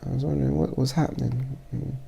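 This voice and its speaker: A photographer with a blocked-up, stuffy voice talks through his editing in a casual tutorial voice-over. His tone is deep-set and dark with heavy gravel and a husky edge. He speaks slowly and haltingly, pausing and restarting as he thinks aloud. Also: level tone, muffled recording. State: stuffy, congested.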